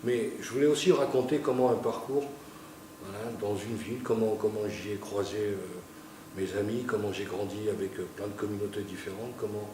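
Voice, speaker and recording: A man's voice: fairly low pitch, fairly even intonation, brisk, darkish tone, a little hiss or hum. A man from France speaking earnestly, with some hesitation, about joining an amateur theatre group. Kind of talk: casual spoken account. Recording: echoey room, distant mic.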